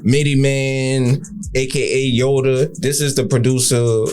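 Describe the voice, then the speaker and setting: A man's voice: medium pitch, little pitch movement, measured pace, a little mellow. Slangy rambling man in his thirties. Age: 30s. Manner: slangy, rambling, with many restarts. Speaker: rapper. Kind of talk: casual podcast chat.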